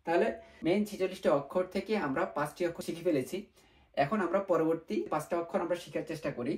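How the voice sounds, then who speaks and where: A man teaches a beginner class at an unhurried pace. He repeats each sound several times and asks himself questions before answering them. English words slip into his speech now and then. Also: fairly high pitch, darkish tone. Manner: patient and repetitive, drills sounds aloud, rhetorical questions. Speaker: language teacher. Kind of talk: step-by-step beginner lesson.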